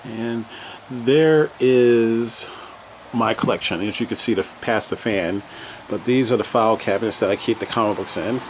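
A man's voice: lowish voice, normal speed, slight background noise, rough recording. A man casually narrating a tour of his basement collection, listing items one by one with fillers, recorded on a handheld camera. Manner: rambling item-by-item listing with fillers. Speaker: collector giving a home tour. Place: home basement.

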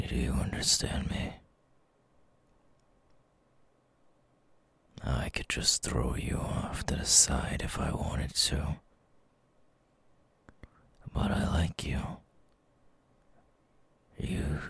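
A menacing eyeless creature of the night, acted out by a man for an ASMR audio roleplay. He speaks in an extremely low, gravelly whisper, slowly and deliberately, taunting the listener with a sinister fondness. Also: fairly even intonation, fairly bright tone, full character voice. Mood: menacing, teasing. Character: menacing eyeless male night creature, sadistically fond and teasing.

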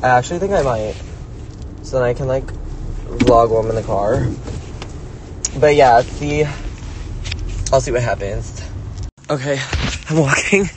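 A man's voice: mid-range voice, measured pace, pauses often. A young man chatting casually into his phone for a vlog, full of "like" fillers and swearing when annoyed. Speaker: vlogger. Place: home and in a car. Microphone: handheld phone. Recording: noisy phone recording.

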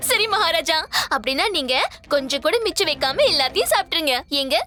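A woman's voice: sits high, lively intonation, fast, very noisy. A playful, doting queen. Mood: coaxing. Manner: coaxing, teasing. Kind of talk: dubbed TV drama. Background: background music.

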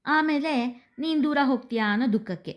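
A woman voicing a gentle, proud father reassuring his daughter in a story reading. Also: high voice, brisk, voice pushed up, natural voice. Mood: tender. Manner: tender, reassuring.

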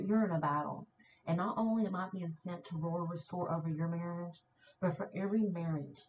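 Woman ministry leader, low-pitched, fervent declarations, faint background noise. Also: poor audio. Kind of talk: encouraging sermon to viewers.

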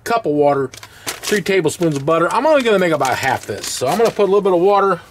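This camping vlogger, a middle-aged man, speaks fast in a high, sing-song voice as he narrates his camp-stove cooking one step at a time. The tone is casual and folksy throughout. It was recorded outdoors on a camera mic, and the background noise is plain to hear.

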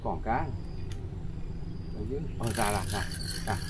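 A man from Vietnam fishing on a riverbank outdoors, talking casually to his viewers and calling out excitedly whenever a fish bites, recorded by a camera a few meters away. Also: on the low side, normal speed. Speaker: fishing vlogger. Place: riverbank under trees, outdoors. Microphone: camera on tripod a few meters away. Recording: loud outdoor noise behind the voice.

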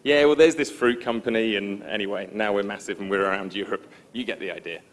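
A man giving a conference presentation in a relaxed, informal, self-deprecating way, with frequent ums. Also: lowish voice, fairly quick. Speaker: conference speaker. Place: conference stage before an audience.

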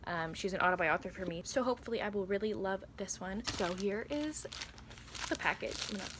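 A woman's voice: medium pitch, fairly quick, background noise. A woman, chatting casually and giggling often in a reading vlog filmed in her bedroom. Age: 20s. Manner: chatty and giggly, with frequent laughs and fillers. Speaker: book vlogger. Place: cluttered bedroom with bookcases, indoors.

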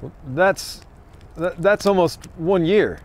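Outdoors in the snow beside a stadium, a man in his thirties co-hosts a comedy sports show, his voice high-pitched and slow. He stammers sheepishly through sketches, then bounces into presenter patter.

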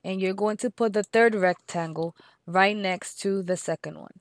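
A woman with a Spanish accent talks through a software craft tutorial step by step, slowing down to repeat each number. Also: medium pitch, dry recording, clean studio sound. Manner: patient, repeats steps and numbers slowly.

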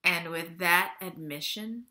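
Taking it slowly in a fairly low, sharp-toned voice, a woman in her thirties gives a theatrical reading of a stage play. Recorded by webcam in a small bare-walled room at home, the sound is roomy, and her narration is dramatic and emphatic.

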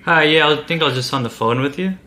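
A man in his twenties with a bright, forceful voice at a middle pitch. He talks casually on a prank call, hesitant and pleading with an innocent act, in a small room with clear background noise. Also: quick pace. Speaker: prank caller posing as a new employee. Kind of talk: casual phone prank conversation.

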